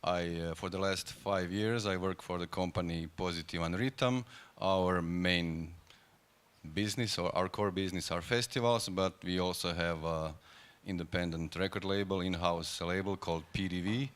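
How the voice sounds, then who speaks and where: A man with a Croatian accent speaks on a conference panel in a deep, resonant voice. He lists his jobs plainly, one after another. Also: fairly even intonation, normal speed, a bit bright, clear, resonant tone. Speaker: panelist, festival and label worker.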